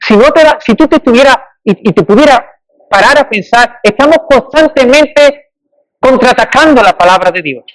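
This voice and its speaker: High-voiced man preaching emphatically. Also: animated, normal speed, fairly bright tone, rough recording. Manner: emphatic, rising on repeated rhetorical lists. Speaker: pastor. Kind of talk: sermon.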